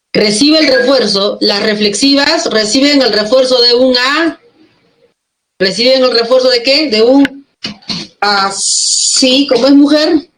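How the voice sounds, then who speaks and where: Woman teacher, higher voice, step-by-step grammar explanations with check-in questions, echoey room sound. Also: a bit bright. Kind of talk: classroom grammar lesson.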